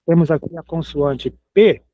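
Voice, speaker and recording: Man, patient teacher, very slow, repeats words, dry tinny sound. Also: fairly high pitch, dark tone, dry recording. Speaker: Hebrew teacher. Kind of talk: slow explanatory lesson.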